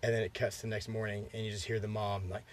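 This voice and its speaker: A man's voice: on the low side, flat delivery, fast, a little hiss or hum. A man with a congested throat hosting a podcast, telling movie plots in a rambling, profane way with lots of fillers. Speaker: podcast host. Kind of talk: casual chat, storytelling.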